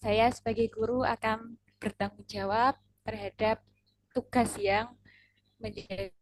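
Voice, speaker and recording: A woman's voice: a little high, steady tone, dry recording. A woman teacher on a video call reading a formal statement politely and carefully, her voice cutting in and out over a bad connection. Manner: polite, careful, halting while repeating. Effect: choppy bad connection with voice breaking up. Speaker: trainee teacher in an online civil-service course. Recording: dry, with cut-outs from a poor connection.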